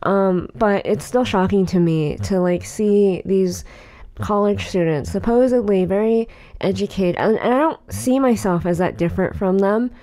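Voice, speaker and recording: Speaking at a normal speed with hardly any pauses, a woman in her late twenties co-hosts a casual podcast chat. Her medium-pitched voice has a warm tone, and she rambles with plenty of fillers and restarts.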